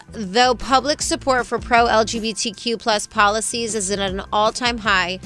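A woman in her thirties co-hosts a morning talk show. Her voice is bright and a little high, with faint music underneath. She is excitable and dramatic in banter, then reads news items steadily. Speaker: co-host. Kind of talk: casual chat and news reading.

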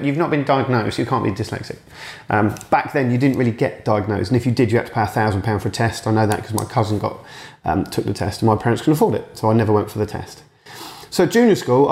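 A man's voice: mid-range voice, gravelly, darkish tone, reverberant. A man in his late thirties, a boxing coach, talking frankly in a casual monologue and swearing now and then. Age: late 30s. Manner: frank and chatty, swears, acts out remembered exchanges.

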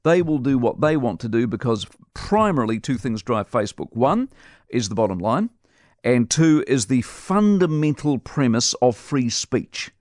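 A man delivers opinionated radio commentary in a blunt, scornful way. His voice sits at an ordinary middle pitch and sounds close and dry, with no room sound. He talks like a seasoned host laying down his view. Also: big pitch swings, normal speed, a little mellow, no room sound. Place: radio studio.

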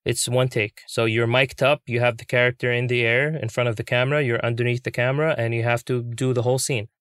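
A man's voice: mid-range voice, fast, clean tone, no echo. Young puppeteer guy, earnest, lots of likes and ums, dry close sound. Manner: earnest, excitable, many fillers. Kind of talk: interview storytelling.

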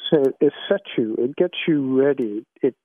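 Male interview guest on a tinny phone line, mid-pitched, measured and halting, reflective. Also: lively intonation, husky, dry recording. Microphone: phone call.

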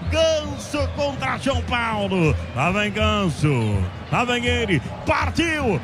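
A man's voice: very high voice, big pitch swings. A Brazilian man doing explosive football goal commentary as play-by-play announcer, stretching out words and repeating catchphrases. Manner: shouting, drawn-out goal calls and repeated catchphrases. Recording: loud music behind the voice. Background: loud music.

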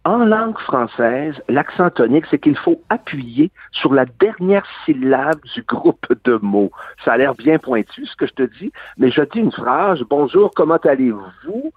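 Older Québécois actor, husky voice, animated delivery, on a tinny line. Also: male voice, fairly high pitch, a little slow, hardly any pauses, dry recording. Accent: Québécois French. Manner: animated, long-winded monologue. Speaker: actor guest. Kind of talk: radio interview.

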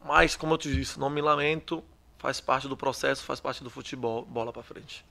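A man's voice: mid-range voice, steady tone, normal speed, creaky, pushed and bright. A young adult man from Salvador, a footballer answering interview questions in a chatty way that often restarts phrases and tags on questions. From Salvador, Bahia, Brazil. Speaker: footballer guest.

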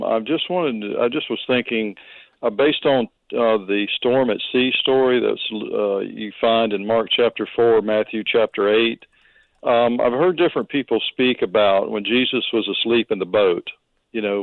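A man's voice: on the low side, moderate pace, dry recording. A man calling in by phone to a radio show, hesitant and full of fillers as he asks his question. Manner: hesitant, with many fillers and restarts. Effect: heard over the phone. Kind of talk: call-in question. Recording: tinny dry phone line.

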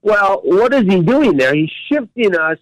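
A man's voice: high-pitched, sing-song, unhurried, no room sound, rough recording. A man who is a professional coach, teaching as a guest on a radio interview, speaking with emphasis and repeating his key words.

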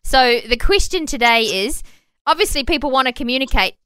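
A woman's voice: sits high, lively intonation, a little fast, bright, forceful tone, clean tone, dry recording. An Australian woman co-hosting a casual radio chat in a playful, chatty way. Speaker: radio co-host.

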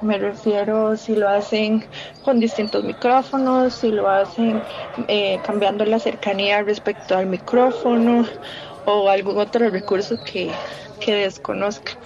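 A woman's voice: mid-range voice, fairly even intonation, a little slow, dull audio, noisy background. A woman from Rica, a listener politely and somewhat hesitantly putting questions to the host. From Costa Rica.

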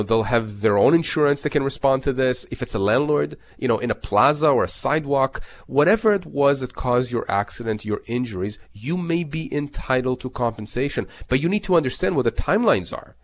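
A man's voice: medium pitch, animated, brisk, few pauses. A man giving explanatory legal advice as an expert on a talk show, stressing and restating his key points.

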